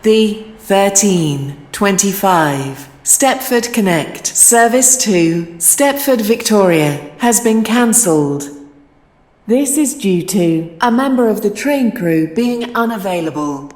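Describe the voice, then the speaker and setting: Over an echoey station PA with long reverb and ambient noise, a woman reads scripted train announcements formally, phrase by phrase like pre-recorded segments. Her mid-range voice is animated but slow, with a darkish tone.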